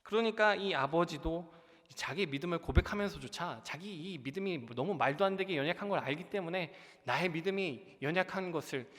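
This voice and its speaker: Earnest and often turning toward the congregation, a young junior pastor delivers a sermon that climbs to emphatic peaks. His voice sits on the high side and sounds a bit bright, echoing with long reverb in the church sanctuary.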